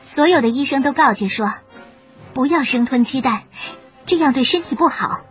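A woman voicing a calm, firm mother hen who reassures the others and gives orders. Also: sits high, normal speed, voice pushed up. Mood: reasoning. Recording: dull lo-fi with faint music.

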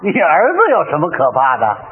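A man's voice: on the high side, sing-song, fairly quick. A man as the straight man in crosstalk comedy, giving short prompting replies with mock indignation. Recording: old tinny radio broadcast with long reverb.

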